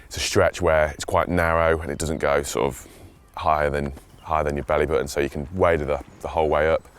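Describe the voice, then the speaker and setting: A young Swiss-raised angler talks casually and enthusiastically, rambling and restarting in an outdoor chat mixed with voice-over. His voice is very deep and smooth, the delivery flat and a little fast.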